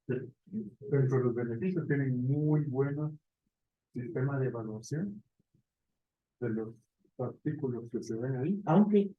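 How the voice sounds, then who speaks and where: A man's voice: medium pitch, roomy sound, narrow, tinny audio. A man giving a university lecture in a conversational way, often checking in with his listeners. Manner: conversational, asks "¿verdad?" often.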